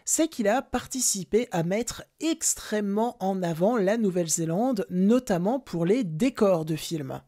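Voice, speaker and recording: A woman's voice: fairly high pitch, a little mellow. A young woman hosting a film podcast, talking casually with self-mocking jokes and asides. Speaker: podcast host.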